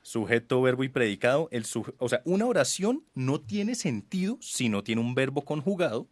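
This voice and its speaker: Man hosting a lively podcast. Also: medium pitch, moderate pace, no room sound. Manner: explains with playful examples, laughs often. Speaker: podcast host. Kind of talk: casual chat.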